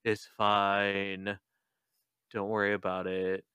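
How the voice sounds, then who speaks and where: A man's voice: lowish voice, completely flat delivery, slow pace, pushed and bright, clean tone, dry recording, dull audio, voice pushed down. A man voicing an anxious teenage boy leader, talking in a weary, sarcastic mutter. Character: anxious teen boy leader, self-mocking.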